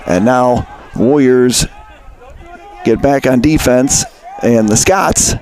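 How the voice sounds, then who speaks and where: A man doing live play-by-play commentary for a high school lacrosse game, chatty and conversational, often correcting himself. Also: a little mellow. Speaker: play-by-play announcer. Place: outdoor high school field.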